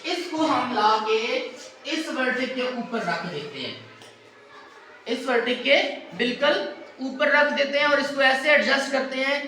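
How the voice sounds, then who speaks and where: A man's voice: extremely high pitch, expressive, measured pace, bright, forceful tone. Patient male teacher in echoey classroom. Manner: patient, asks class to repeat answers. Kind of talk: classroom math lesson. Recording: echoey classroom from far off, faint noise.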